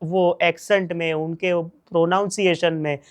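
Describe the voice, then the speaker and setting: A man's voice: on the high side, flat delivery, unhurried, clean tone. Enthusiastic man reviewing a series. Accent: Gujarati. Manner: enthusiastic, repeats praise, mixes in English phrases. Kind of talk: casual review talk.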